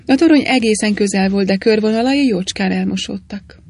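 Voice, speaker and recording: A woman narrating a story aloud at a steady, even pace. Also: medium pitch, no room sound. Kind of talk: storybook reading.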